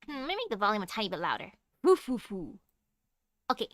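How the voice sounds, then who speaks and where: A woman's voice: medium pitch, huge pitch swings, quick pace, a bit bright, dry recording, clean studio sound. A woman streamer chatting casually and giggling while reading a game's text aloud. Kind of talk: casual game stream commentary.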